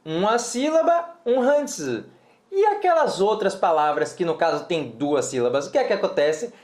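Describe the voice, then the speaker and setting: A Brazilian woman co-teaching Mandarin, with a lively, swinging pitch as she demonstrates syllables. She repeats each word slowly for her students. The recording has a noticeably roomy echo. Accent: Brazilian Portuguese. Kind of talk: co-taught language lesson.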